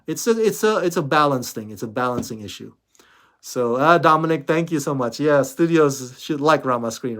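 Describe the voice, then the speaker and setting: A man's voice: mid-range voice, fairly bright tone. A man hosting a casual commentary vlog, talking in a chatty, rambling way with many restarts and "you know"s, and laughing often. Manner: laughs often, playfully sarcastic. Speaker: channel host.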